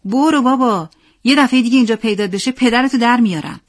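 A woman's voice: medium pitch, dry recording, studio quality, natural voice. A woman playing a nervous, eager young boy. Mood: angry. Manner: hushed, eager. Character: nervous excited young boy, the narrator as a child.

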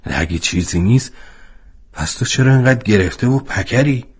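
A man's voice: medium pitch, expressive, breathy edge, voice pushed up. A man voicing an anxious middle-aged father who keeps pressing with questions in a storybook reading. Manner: insistent, repeated questioning.

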